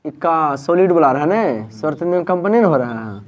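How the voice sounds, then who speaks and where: In a tuition classroom, a man teaches grammar, drilling students by posing the same questions over and over. His voice is on the high side with lively intonation and a slightly fast pace, and the audio sounds dull.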